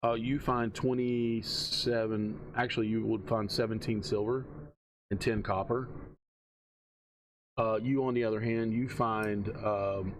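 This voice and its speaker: A man narrating casually as game master, halting and thinking aloud as he goes. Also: fairly low pitch, fairly even intonation, slight background noise.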